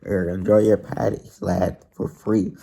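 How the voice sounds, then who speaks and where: A man's voice: low voice, flat delivery, measured pace, gravelly, warm tone, a little hiss or hum. A man voicing a greedy older male crab who runs a restaurant and talks like an old sailor, calling people lad. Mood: cheery.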